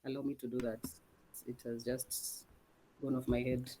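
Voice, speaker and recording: A woman speaking as a dermatologist on a webinar panel over a video call. Her voice is mellow and dark, her delivery slow and careful, with frequent pauses and filler sounds as she gathers her thoughts. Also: extremely low pitch, flat delivery. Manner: measured, many hesitant ums, soft-spoken. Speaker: dermatologist guest. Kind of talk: answering questions in a webinar panel.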